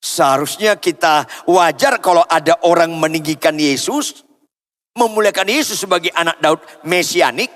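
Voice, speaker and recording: A man from Indonesia preaching a sermon as pastor in a church, swinging from loud cries down to low murmurs and calling out to the congregation for answers. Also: moderate pace. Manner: asks the congregation for responses. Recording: long church hall reverb.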